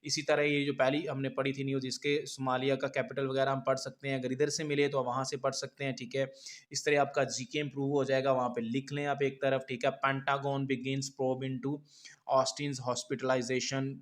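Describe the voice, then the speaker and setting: A man teaching an exam-prep lesson, explaining steadily and reading English headlines slowly, with frequent "theek hai" checks. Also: medium pitch, little pitch movement.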